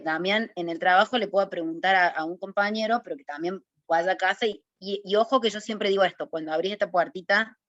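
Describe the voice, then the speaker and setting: A woman with a Córdoba accent teaches public speaking over a video call, her voice a little low. She talks in a lively, direct way and keeps tossing questions to her audience. The sound is dull and dry, like webinar audio. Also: no room sound. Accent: Córdoba Argentine Spanish. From Córdoba, Argentina. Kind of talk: online webinar lesson.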